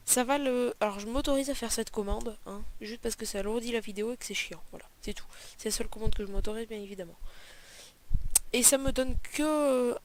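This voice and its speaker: A woman's voice: on the high side, slight background noise. A woman hosting a let's play, talking casually and rambling through her gameplay, with frequent fillers and self-corrections.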